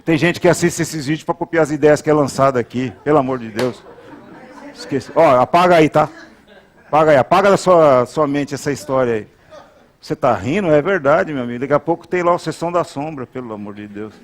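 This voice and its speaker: A pastor delivers a sermon in a notably high voice. He hammers phrases through repetition and leads the congregation in call-and-response. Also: a little fast.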